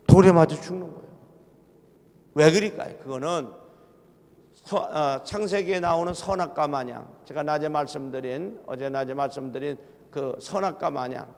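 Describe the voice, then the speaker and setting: Gravelly preacher in a reverberant church. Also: male voice, high voice. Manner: humorous folksy storytelling, emphatic. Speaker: pastor. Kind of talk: revival sermon. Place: church sanctuary. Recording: long church hall reverb.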